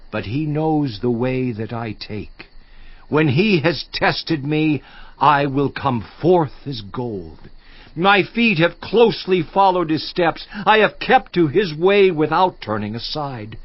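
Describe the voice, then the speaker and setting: An actor playing Job, a suffering man voicing a bitter complaint in a dramatized scripture reading, slow and grave, sinking at times to a hushed near-whisper. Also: on the high side, heavily acted. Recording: slightly dull dry studio recording.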